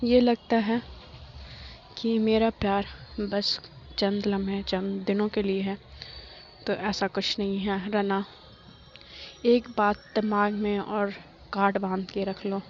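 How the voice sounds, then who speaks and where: A woman voicing a possessive, fiery young woman boss who scolds rapidly and angrily, in a storybook reading. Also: medium pitch, flat delivery, muffled recording, slight background noise, natural voice. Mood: angry.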